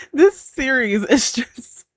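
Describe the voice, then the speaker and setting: A woman's voice: high voice, lively intonation, very slow, dry recording. A woman hosting a reaction video, chatting casually, exclaiming and laughing often as she reacts.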